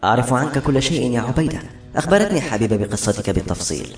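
A man voicing a gentle young princess in love, speaking in a soft, raised, pleading voice in an audiobook. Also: mid-range voice, very animated, racing, natural voice. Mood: tender. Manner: tender, pleading. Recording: roomy with faint music.

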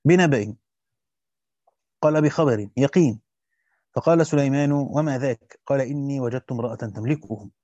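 The dry, dull, lo-fi recording has no echo and carries a man's mellow, medium-pitched voice at a fairly quick pace. He's a teacher reading a classical Quran commentary to students, pausing for brief spoken remarks.

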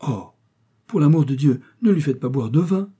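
A man's voice: fairly high pitch, moderate pace, warm tone, slightly rough, pitched above the performer's own voice. A man voicing a gushing, fussy middle-aged mother in an audiobook reading. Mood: anxious pleading. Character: excitable older woman, gushing mother.

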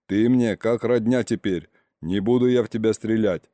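A gruff older uncle, put on by a male reader, hisses and bellows his threats. His voice sits low and mellow, dry and close to the mic, with lively swings. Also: normal speed, no room sound, close to an everyday voice. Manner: hissing, snapping, bellowing threats.

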